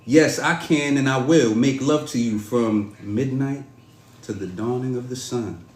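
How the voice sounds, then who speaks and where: A man performing a spoken-word poem to a woman in a measured, dramatic, pleading delivery. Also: mid-range voice, a little mellow. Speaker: podcast host performing a poem. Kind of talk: spoken-word poetry recital. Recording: roomy echo.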